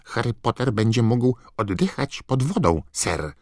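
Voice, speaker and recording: A man voicing an excitable male house-elf servant who squeaks and screeches and talks about himself in the third person. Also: measured pace, no echo, clean studio sound. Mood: eager, urgent.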